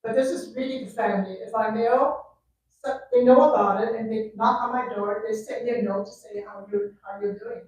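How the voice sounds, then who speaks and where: A woman's voice: a little high, a little fast, darkish tone, slight background noise. A woman in her eighties, a resident speaking on a panel in a plain, matter-of-fact way. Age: 80s. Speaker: retirement community resident on a panel. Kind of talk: casual panel talk. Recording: echoey room, picked up from far off.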